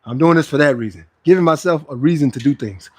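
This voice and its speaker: A man's voice: a little high, fast, slight background noise. A man who works as a fitness trainer, chatting casually and emphatically to livestream viewers between sets of pull-ups, repeating phrases for stress. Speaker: fitness trainer hosting a live workout stream. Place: outdoors under a roof.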